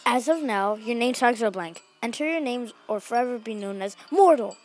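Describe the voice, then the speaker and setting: A woman voicing a pompous, mysterious game villain with slow theatrical menace, in an animated game. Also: a little high, soft background music. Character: bossy mysterious game voice, theatrical villain punishing teenage procrastinators. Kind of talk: acted animated game dialogue.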